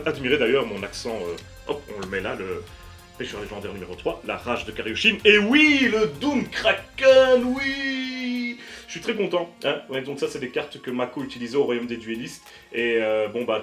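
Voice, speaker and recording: A man's voice: mid-range voice, fairly bright tone. A man casually commenting as he opens trading card packs on camera, chatty and joking, with frequent fillers and the odd crude word. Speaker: YouTuber opening card packs.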